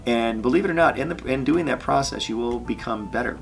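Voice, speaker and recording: An animation creator and video host tells work stories on his vlog, chatty and enthusiastic. His medium-pitched voice is gravelly and fast, with faint music in the background.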